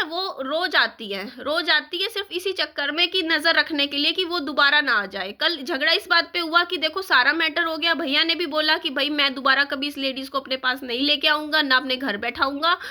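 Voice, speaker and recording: A young woman vlogger telling a neighborhood quarrel story casually, asking her viewers questions as she goes. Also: high voice. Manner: animated, rhetorical questions to viewers.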